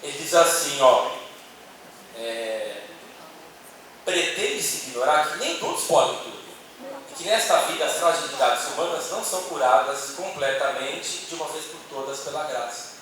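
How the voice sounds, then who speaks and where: A little high and fairly bright in tone, the man's voice moves at a normal pace with plenty of animation. He is a Brazilian-accented speaker on a church panel, chatting to an audience in a meeting hall and using many tag questions. Though he has a handheld microphone, he is far from it, and the hall is echoey and noisy.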